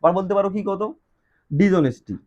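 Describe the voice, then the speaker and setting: A man's voice: sits high, expressive, fast talker, a little mellow. A man with a Bangladeshi accent teaching an English grammar lesson, asking questions and answering them himself. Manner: asks and answers his own questions. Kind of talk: classroom-style grammar lesson. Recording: dull lo-fi recording.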